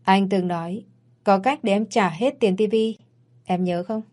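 A woman's voice: mid-range voice, normal speed, mellow, natural voice. A woman voicing a pushy, menacing young man in a spoken story, with a coaxing, threatening manner.

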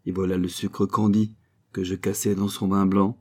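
A man reading a story aloud, voicing a kindly farmer who talks fondly and heartily to a pet bird in a raised, lively voice. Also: sits low, moderate pace. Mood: warm, jovial. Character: kindly good-humored male farmer, tender with a pet bird. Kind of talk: storybook character voice.

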